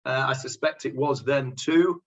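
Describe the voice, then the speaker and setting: A man teaching a Talmud class as rabbi, halting with many fillers and dry humorous asides. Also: medium pitch, slightly rough, highs cut off. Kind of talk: Talmud lesson.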